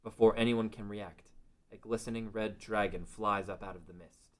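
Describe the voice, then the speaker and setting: Serving as narrator for a fantasy adventure table read, a man reads the scripted stage directions. His voice is fairly low and slightly dark, steady in tone and moderate in pace.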